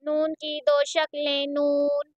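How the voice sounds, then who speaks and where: High, slow-paced woman teaching letters. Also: completely flat delivery, no room sound, dull audio. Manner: patient, drawn-out letter-by-letter recitation with explanations. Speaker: Quran reading teacher. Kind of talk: slow, deliberate Quran reading lesson.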